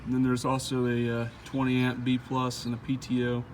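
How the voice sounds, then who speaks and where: Briskly and in a mid-range voice, a man shows how he installed something on his truck outdoors. The walkthrough is casual and folksy, heavy on "uh" fillers, with a bit of noise in the background.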